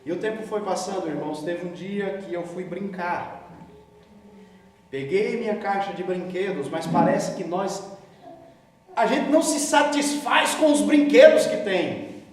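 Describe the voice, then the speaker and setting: A man preaching a sermon, telling a story and acting out the voices, swinging from hushed to loud. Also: high-pitched, measured pace, a little hiss or hum. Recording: echoey hall, voice from far off.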